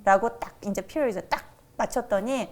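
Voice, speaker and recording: A woman's voice: mid-range voice, a little fast. A middle-aged woman telling a personal story in conversation as a guest, acting out the quoted dialogue vividly. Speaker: church talk show guest.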